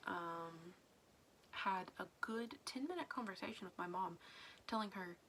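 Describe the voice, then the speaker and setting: Woman vlogger, casual rambling diary chat, whispery asides, gravelly fry. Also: mid-range voice, measured pace, fairly bright tone, slight background noise.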